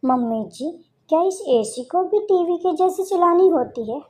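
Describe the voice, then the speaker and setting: A woman playing a sweet, simple-minded young daughter-in-law from a cartoon story, who asks innocent, literal questions in a high, soft, mellow voice. She sounds eager to please and never quite grasps what she is told. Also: animated, a little slow. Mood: naive.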